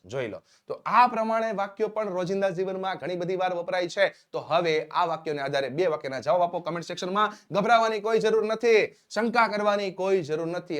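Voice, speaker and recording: A man teaching spoken English, upbeat and fond of repeating "yes" and "next sentence" while he reads English examples slowly, word by word. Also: high-pitched, a bit bright.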